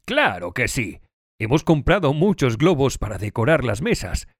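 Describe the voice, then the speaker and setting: A man reading his part in a scripted language-learning dialogue, with a clear, expressive delivery. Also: mid-range voice, moderate pace, no echo, studio quality. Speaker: dialogue reader.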